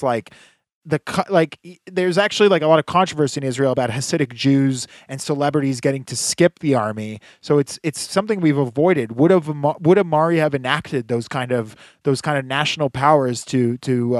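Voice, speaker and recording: A man's voice: mid-range voice, a little fast, no room sound, studio quality. Wry, rambling man podcast co-host. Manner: rambling, filler-heavy, wry sarcasm. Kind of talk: casual chat.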